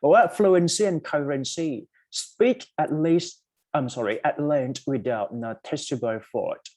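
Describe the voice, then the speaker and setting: Very slow-talking Thai man teaching. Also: medium pitch, big pitch swings, a little mellow. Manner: explains step by step, often checks in with "okay?" and "right?"; frequent "um" and "uh" pauses while searching for words. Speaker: IELTS speaking teacher. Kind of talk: classroom lecture, mixing Thai and English.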